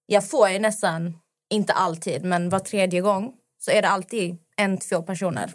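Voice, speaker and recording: A woman's voice: mid-range voice, steady tone, no echo. Frank young woman in casual chat. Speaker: podcast co-host.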